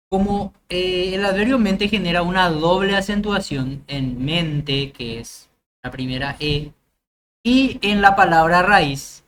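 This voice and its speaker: A woman's voice: lowish voice, slight background noise. Methodical Paraguayan woman teaching grammar. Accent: Paraguayan Spanish. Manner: methodical, checks in with "¿bien?". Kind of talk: recorded grammar lecture.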